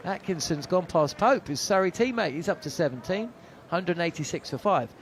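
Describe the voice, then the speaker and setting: A middle-aged cricket commentator with a high-sitting, expressive voice speaks at normal speed, slight background noise behind him. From his box he calls every ball, wandering into chatty anecdotes laced with "uh" fillers.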